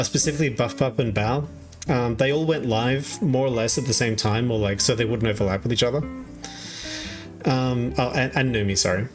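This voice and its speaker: A young Australian man streaming, recapping online drama in rambling, casual chat with many fillers and frequent laughs. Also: medium pitch. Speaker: VTuber streamer.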